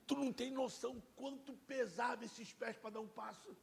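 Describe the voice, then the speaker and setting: A middle-aged man preaching a sermon and telling his own testimony, swinging between loud and hushed like a dramatic storyteller. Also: very high voice, steady tone, normal speed, vocal fry, breathy edge. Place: church sanctuary. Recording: long hall reverb.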